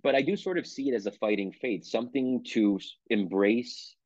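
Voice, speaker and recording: Medium-pitched with a darkish tone, the man talks at normal speed while giving a conversational interview answer. He's an author from Pennsylvania who reflects carefully, qualifies what he says and restarts often; the audio is dry, dull and lo-fi, with no room sound.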